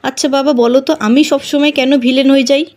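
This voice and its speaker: Here is a woman reading out an angry young sister who feels betrayed. Her voice sits high, and her lines come out sharp and accusing. It stays a storybook reading rather than full acting. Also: steady tone, fairly quick, natural voice. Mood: bitter. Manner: bitter, accusing.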